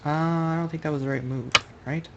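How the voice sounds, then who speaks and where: Gravelly man thinking aloud over a game. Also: a little high, steady tone, fairly quick, highs cut off, very noisy. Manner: rambling, thinks aloud, corrects himself mid-sentence. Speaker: Go player commenting on his own online game. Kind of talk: casual live game commentary.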